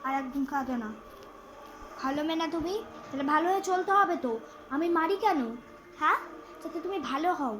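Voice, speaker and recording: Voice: sits high, fairly quick, long pauses, a bit bright, slight background noise, rough recording. A child playing a strict scolding mother. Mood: soothing. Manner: bossy, threatening, nagging. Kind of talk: pretend-play role-play. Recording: clear background music.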